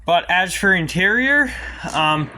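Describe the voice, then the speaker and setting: A man's voice: high-pitched, expressive, slow pace, bright, forceful tone, a little hiss or hum. Chatty New man in his garage. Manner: rambling, hesitant with many ums. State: out of breath at times. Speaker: garage vlogger. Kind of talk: casual workshop vlog. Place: home garage.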